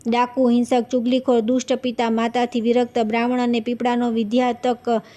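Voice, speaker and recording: Woman, devotional scripture reader; steady, level recitation, mellow tone, occasional slips. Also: on the high side, a little fast.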